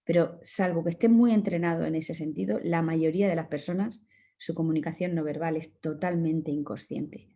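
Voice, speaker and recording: A woman from Murcia, Spain, speaking with a Murcian Spanish accent, teaches a communication course in an online lecture. Her low-pitched voice moves at normal speed, calm and instructive with direct advice, though the audio sounds dull.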